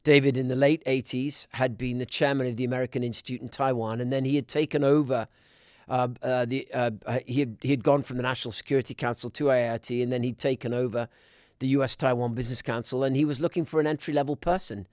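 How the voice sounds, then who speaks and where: A middle-aged man from Scotland, a podcast guest talking in a measured way with many restarts. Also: medium pitch, steady tone, a little mellow, no echo, clean studio sound. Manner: measured, with frequent restarts and fillers. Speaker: guest, business council president. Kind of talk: conversational podcast interview.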